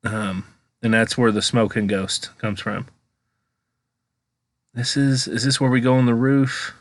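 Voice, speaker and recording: A man's voice: mid-range voice, little pitch movement, a little slow. An American man giving a casual, chatty voice-over as a vlogger, rambling informally as he comments on exploration footage.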